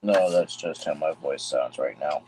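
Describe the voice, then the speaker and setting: A man with a very deep, gravelly voice, chatting casually and thinking aloud while he works on models during a livestream. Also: moderate pace, dark tone, slight background noise, rough recording. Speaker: livestream host building model trains. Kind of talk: casual chat while working.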